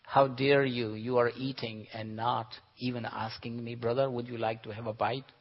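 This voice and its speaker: A man quoting a sarcastic, hushed train traveler. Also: medium pitch, level tone, normal speed, slightly rough, pitched below the performer's own voice. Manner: sarcastic, quietly reproachful. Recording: dull recording with long hall reverb.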